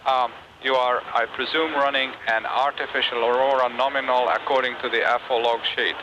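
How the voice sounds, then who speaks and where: A man working as an experiment controller, making formal queries over radio in a halting, careful way. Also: mid-range voice, steady tone, lo-fi sound. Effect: radio transmission. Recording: noisy space radio link.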